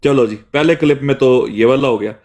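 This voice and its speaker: A man's voice: medium pitch, fairly quick, a little mellow. A man hosting a heated religious debate stream, accusing and lecturing. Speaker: host reviewing clips.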